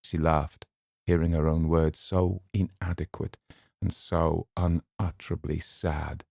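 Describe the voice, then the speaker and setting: A man reading a novel aloud in a measured audiobook narration. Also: very deep voice, flat delivery, vocal fry, a little mellow, no echo, studio quality. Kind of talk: scripted narration.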